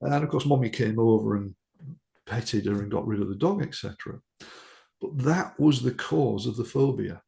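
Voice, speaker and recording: A man with a gravelly, creaky voice in a middle pitch, telling a story from his hypnotherapy practice. He talks in a loose, anecdotal way, restarting sentences and filling gaps with ums. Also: normal speed, warm tone. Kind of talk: casual podcast storytelling.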